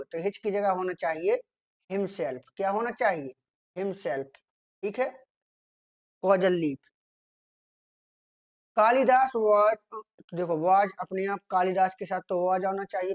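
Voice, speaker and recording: A man from India teaching a grammar lesson for an exam. He reads the sentences out slowly and keeps checking in with his students, asking and answering his own questions. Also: sits high. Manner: repeats "theek hai" often, asks and answers his own questions.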